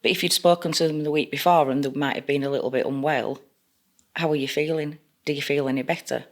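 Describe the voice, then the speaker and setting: A woman's voice: low voice, steady tone, fast. A woman, a nurse team leader telling stories in a chatty, homely way in a podcast interview.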